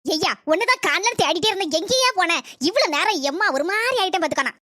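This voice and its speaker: A fretful village mother in a cartoon, very high and piercing. Her Kanyakumari Tamil words rush out fast and bright, over a dry, close sound. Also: animated, dry recording, exaggerated voice. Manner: fretful, fast, dialect-heavy. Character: worried fussy village mother, tearful and anxious.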